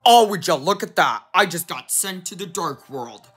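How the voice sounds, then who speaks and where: A young fan voicing a boastful, short-tempered male penguin king who blusters, repeats himself and yells insults. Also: mid-range voice, expressive, moderate pace, slightly rough. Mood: bored.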